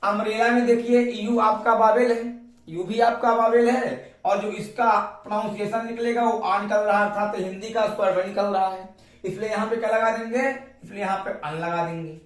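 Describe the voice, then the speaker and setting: A man's voice: high-pitched, fairly even intonation, moderate pace, distant mic. Indian man teaching grammar in an echoey room. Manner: repeats questions to students. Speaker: English teacher. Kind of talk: classroom grammar lesson.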